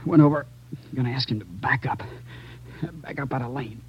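An American man playing a wounded, dying policeman in an old radio drama, dazed, weak and gasping in halting fragments. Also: mid-range voice, slightly rough. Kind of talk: 1950s radio drama acting. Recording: muffled old radio recording.

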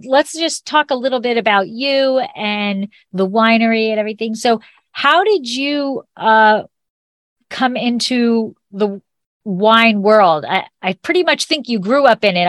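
Woman podcast host, bit high voice, chatty and upbeat, dry close sound. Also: no echo. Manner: upbeat, chatty, fillers and restarts. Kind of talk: casual interview chat.

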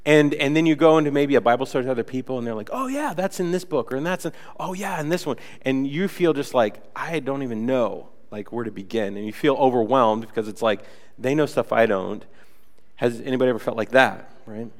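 In a church sanctuary with big-room sound, a young man delivers a brisk sermon in a mid-range voice. He's a pastor speaking casually and conversationally, slightly nasal from a cold, with plenty of chatty fillers.

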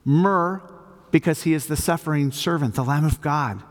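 A man's voice: fairly high pitch, normal speed, in a large hall. An older man preaching an earnest sermon in a church and leading a closing prayer, stressing his phrases with emphasis. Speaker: pastor. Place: church hall.

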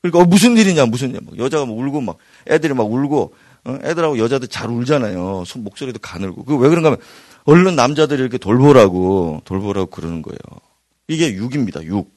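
Animated male pastor preaching. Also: medium pitch, fast talker, dry recording, clean studio sound. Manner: animated preaching, swinging between loud bursts and near-whispers. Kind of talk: sermon. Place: church hall.

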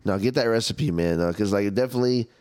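A man's voice: lowish voice, fast, darkish tone, smooth. A man co-hosting a casual podcast chat, laid-back and profane, with trailing fillers. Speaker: podcast co-host.

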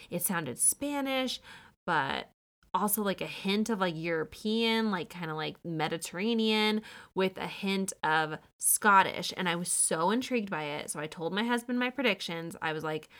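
A woman in her thirties talks through a recap in a loose, chatty way. She keeps throwing in sarcastic asides. Her voice sits a little low. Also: bright, forceful tone. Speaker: podcast host recapping a true-crime show. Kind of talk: casual commentary.

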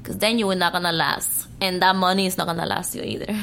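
A woman's voice: on the low side, steady tone, quick pace, vocal fry, fairly bright tone, slight background noise. Giggly woman. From Cuba. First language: Spanish. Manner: giggly, talks in non-standard English grammar. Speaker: interview guest. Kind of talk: casual interview chat.

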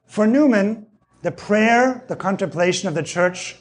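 A man with a high-pitched voice lectures to an evening audience on theology. His voice is going hoarse, and he keeps clearing his throat. He works through his points by restating key phrases and checking in with "see?". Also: unhurried.

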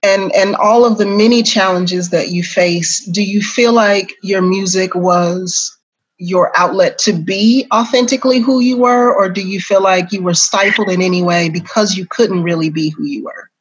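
An interviewer who asks slow, measured questions and offers soft affirmations. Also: mid-range voice, steady tone, slightly rough. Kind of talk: casual interview. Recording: dull lo-fi sound.

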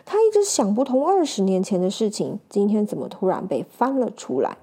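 A woman narrating a classic crime tale in an expressive storytelling voice. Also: mid-range voice, fairly quick, breathy edge.

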